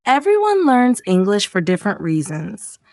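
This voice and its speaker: A woman giving scripted, encouraging narration for an English speaking lesson, measured and earnest. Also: medium pitch, wildly swooping pitch, darkish tone, no echo, clean studio sound. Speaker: English teacher.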